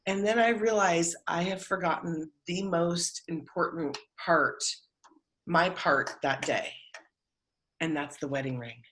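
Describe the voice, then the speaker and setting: Woman host, lively storyteller, acts out her own anecdotes. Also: on the low side, takes it slowly. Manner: animated, acts out sounds and quotes. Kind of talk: storytelling at a virtual story slam.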